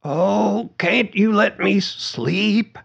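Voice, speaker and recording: Man voicing an elderly woman, raised pitch, gravelly, husky, whimpering, storybook reading. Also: a little slow, heavily acted. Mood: pleading. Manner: whimpering, pleading, muttered curses. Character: frail elderly woman in a care home, cranky. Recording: dull lo-fi recording.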